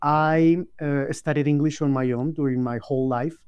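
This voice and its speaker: A man's voice: a little high, fairly even intonation, moderate pace, clean tone, lo-fi sound. A man, a guest speaking over a video call, thoughtful and full of hesitant ums. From Colombia. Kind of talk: casual interview chat.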